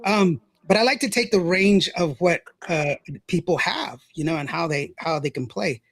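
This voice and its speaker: A man's voice: fairly high pitch, normal speed, vocal fry, dry recording. A man hosting a podcast, chatting casually, joking, rambling and laughing often. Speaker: podcast host. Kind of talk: casual chat.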